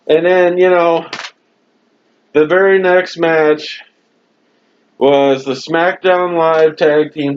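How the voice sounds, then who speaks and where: A man's voice: fairly high pitch, a little mellow, clean tone, lo-fi sound. A man giving a profane, exasperated rant as a wrestling show reviewer, recorded at home. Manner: exasperated, swears constantly, mocking laughs. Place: home room.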